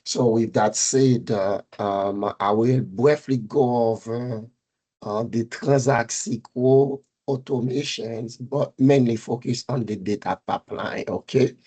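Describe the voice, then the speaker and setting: Middle-aged male presenter with a Haitian Creole-French accent, unhurried and a bit husky, pausing often on fillers. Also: medium pitch, fairly even intonation, dark tone. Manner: halting, many fillers and restarts. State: recovering from a fever and cold. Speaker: meetup speaker, data architect. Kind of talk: technical presentation on a video call.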